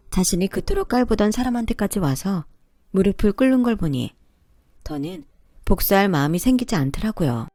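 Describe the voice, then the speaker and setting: A woman reads a first-person story aloud in a calm, conversational way. Her voice is mellow and warm at a middle pitch. The sound is dry and close, with faint music underneath. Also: no echo. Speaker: story narrator.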